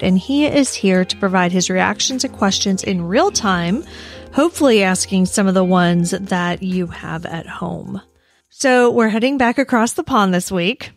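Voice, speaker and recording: A woman with an American accent and a creaky voice, telling true crime stories conversationally as a podcast host. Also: mid-range voice. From United States. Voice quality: creaky vocal fry. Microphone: close podcast microphone in a dry room.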